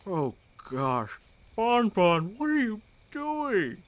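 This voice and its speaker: An actor voicing a gentle, generous young turtle who speaks politely and softly. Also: mid-range voice, sing-song, very slow.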